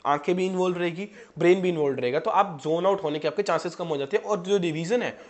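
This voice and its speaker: Young male student-tutor, casual direct coaching talk, fairly high-pitched voice. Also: fast talker. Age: 20s. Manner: chatty, direct, addresses students as "janab" and "bhai". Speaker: medical student teaching exam prep.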